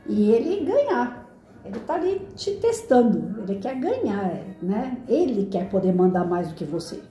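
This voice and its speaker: A woman with a Brazilian Portuguese accent, a former schoolteacher, giving chatty advice on parenting and the classroom. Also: medium pitch. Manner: lively, chatty, acts out parents and kids in quick asides. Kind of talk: casual advice talk on parenting and teaching. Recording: echoey room with faint music.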